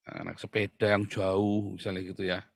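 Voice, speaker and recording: A middle-aged man preaching a casual, joking sermon, dropping to low murmurs and then shouting out loud. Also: little pitch movement, moderate pace, vocal fry, no echo, clean studio sound. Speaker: pastor.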